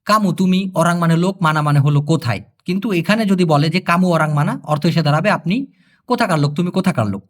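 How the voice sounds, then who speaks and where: A man from Bangladesh teaching phrases in a casual spoken lesson, explaining patiently, repeating words slowly and asking his viewers questions. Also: fairly high pitch. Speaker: language tutor.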